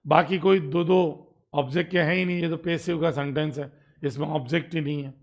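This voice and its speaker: A male teacher walking through an exam paper in a lecture. He reads the English sentences out slowly and keeps checking whether the students follow. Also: a little high, steady tone. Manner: explains step by step in Hindi, reading English sentences out slowly; asks "ठीक है?" to check understanding.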